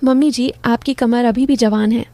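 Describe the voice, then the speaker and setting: A man's voice: extremely high pitch, steady tone, normal speed, dark tone, no room sound. Woman voicing a coaxing young son-in-law.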